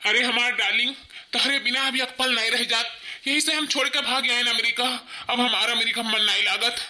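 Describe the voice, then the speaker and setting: A man's voice: extremely high pitch, fairly even intonation, brisk, bright, forceful tone, exaggerated voice. A man voicing a homesick young husband in a cartoon, speaking with an Awadhi accent in a pleading, affectionate way. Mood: doting. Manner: pleading, affectionate village speech. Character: homesick young husband back from abroad, doting. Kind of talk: home-made cartoon voice acting.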